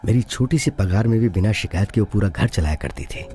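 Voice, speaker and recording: In dubbed film dialogue, an actor with a fairly low, dark, natural voice speaks expressively and fairly quickly as an aging suspended police officer, honest and widowed and bitter. He is grieving, mournful and deferential, saying "sir" again and again while his voice breaks with tears.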